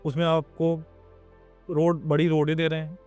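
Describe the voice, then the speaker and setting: Lucknow guy selling plots on site, slightly high voice, faint music behind. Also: completely flat delivery, normal speed, darkish tone. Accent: Lucknow Hindi. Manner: pitches amenities and loan terms plainly. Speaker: property developer's representative. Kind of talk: answering interview questions on site. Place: outdoors at a plot site.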